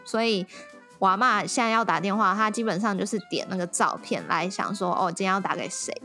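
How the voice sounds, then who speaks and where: A woman's voice: medium pitch, a little fast, faint music behind. Laughing young woman telling a story. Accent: Taiwanese Mandarin. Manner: lively storytelling, often laughing. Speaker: podcast co-host. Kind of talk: casual chat.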